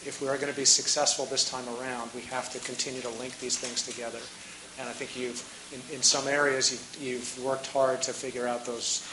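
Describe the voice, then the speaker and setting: A man in his forties giving a public comment at a meeting podium, speaking haltingly with many fillers and restarts. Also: mid-range voice, reverberant, background noise. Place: large meeting room, indoors. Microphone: podium mic.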